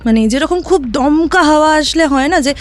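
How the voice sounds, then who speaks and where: A woman telling a listener her own ghost story in a casual podcast chat, vivid and animated, often asking "right?". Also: high voice, normal speed. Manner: recounts events vividly, often checking in with "right?".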